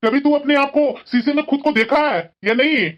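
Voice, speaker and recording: A woman's voice: high voice, brisk, lo-fi sound, natural voice. A woman voicing a stern, dismissive young husband in a cartoon, speaking curtly. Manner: curt, dismissive. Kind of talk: cartoon voice acting.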